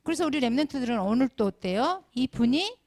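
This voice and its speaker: A woman's voice: high voice, a little fast, gravelly. A middle-aged woman giving a Sunday school sermon to children, asking them question after question. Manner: asks the children constant questions, animated.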